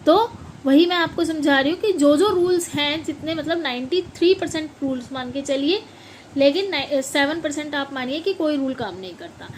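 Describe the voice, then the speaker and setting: A woman's voice: high voice, moderate pace, slight background noise, low-quality recording. A woman teaching pronunciation in a classroom style. She spells out words letter by letter, repeats them, and keeps checking that her listeners follow. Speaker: English teacher. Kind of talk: classroom explanation.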